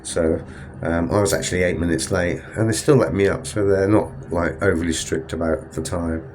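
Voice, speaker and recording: Filming a nighttime vlog inside a Ferris wheel cabin, this Englishman speaks in a low, slightly mellow voice at a moderate, even pace. He's congested and sniffling, and his casual narration wanders and keeps correcting itself.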